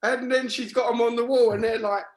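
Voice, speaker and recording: A man's voice: extremely high pitch, steady tone, a little fast. A man co-hosting a casual chat show, telling funny stories animatedly and laughing as he goes. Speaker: co-host.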